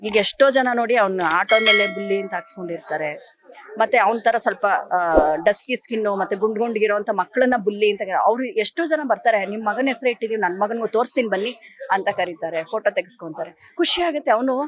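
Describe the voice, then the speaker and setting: Emotional middle-aged actress, tearful. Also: female voice, mid-range voice. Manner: emotional, speaks of grief with pauses and restarts. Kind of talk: emotional interview.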